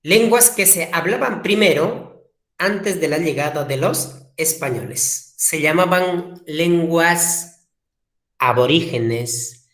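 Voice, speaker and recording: A man teaching a language class, slowly repeating key words for emphasis. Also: a little high, expressive, a bit bright. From Peru. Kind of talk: classroom lecture. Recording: echoey room.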